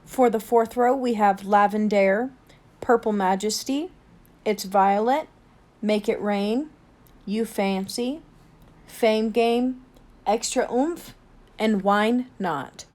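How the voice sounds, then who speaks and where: A woman's voice: medium pitch, slow, long pauses, darkish tone. A woman with a lisp that makes her s sounds slushy, chatting casually and self-deprecatingly as a beauty vlogger reviewing makeup.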